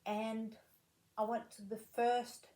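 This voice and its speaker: A woman in her late thirties, a former rifle shooter from Denmark, answering interview questions in a measured, unhurried way with pauses between phrases. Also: fairly high pitch, flat delivery, warm tone. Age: 30s. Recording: echoey room.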